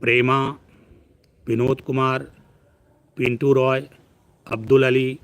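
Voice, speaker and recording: A man's voice: mid-range voice, flat delivery, slow pace, clean tone, dry recording. A man giving a preachy live-stream astrology talk who piles up long lists of words.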